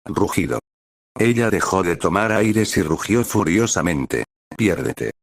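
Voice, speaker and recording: Deep-voiced male audiobook narrator. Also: lively intonation, measured pace, no room sound, clean studio sound. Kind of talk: serialized novel narration.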